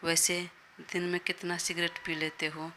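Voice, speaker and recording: A woman's voice: on the low side, little pitch movement, normal speed, sharp tone, slight background noise. A woman voicing a stubborn, playful young wife who teases, in a Hindi audio story.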